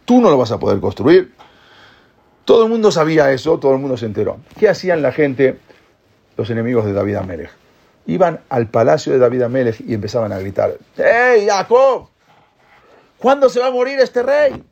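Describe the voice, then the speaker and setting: Husky, gravelly man teaching a class. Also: mid-range voice, brisk, dull audio. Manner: lively retelling that acts out the characters' voices. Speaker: religious teacher. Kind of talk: Torah class storytelling.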